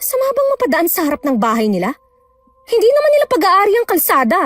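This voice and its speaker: Casting: actress as a high, lively-voiced nagging wife, sharp and defensive, dry sound. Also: female voice, fairly quick, no echo, faint music behind. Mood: bickering. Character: gossipy, resentful wife, quick to argue.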